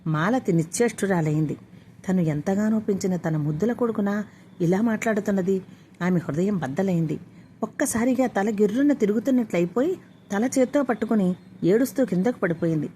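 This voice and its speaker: A woman storyteller reads a scripted story in a steady, even manner. Her voice sits at a middle pitch. A faint hiss of noise can be heard behind her. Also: brisk.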